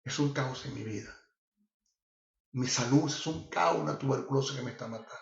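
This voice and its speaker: A man's voice: mid-range voice, moderate pace, gravelly. A man voicing a despairing male pastor at his breaking point, pleading and repeating himself. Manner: pleading and repetitive. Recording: roomy, slightly dull recording.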